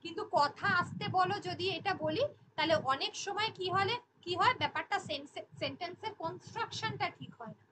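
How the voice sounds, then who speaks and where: A woman with a very high voice teaches a grammar class. She explains patiently and works through example sentences one by one. A steady noise sits behind her voice. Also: brisk. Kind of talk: online class lecture.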